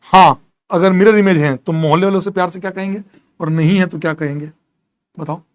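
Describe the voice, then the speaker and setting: A man's voice: high-pitched, steady tone, fairly quick. A man lecturing a chemistry class, repeating questions and quizzing his students, mixing terms into his speech. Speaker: chemistry teacher.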